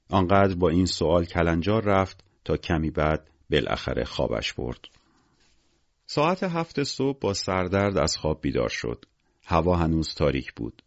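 A man reads a novel aloud in a measured, expressive storytelling manner. His voice is very deep, but his pitch rises and falls in a lively way. The recording sounds dull and slightly lo-fi. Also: creaky. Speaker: narrator. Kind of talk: scripted audiobook narration.

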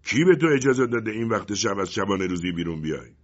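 A man playing a bitter, greedy middle-aged male colonel in a storybook reading, with a husky voice and stern outbursts. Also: medium pitch, lively intonation, a bit bright, voice pushed up. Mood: stern shouting. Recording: dull lo-fi recording.

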